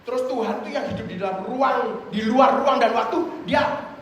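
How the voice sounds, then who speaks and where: A man preaching a sermon, telling a story with acted-out voices and sudden loud outbursts. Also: very high voice, normal speed, echoey room, slight background noise, low-quality recording.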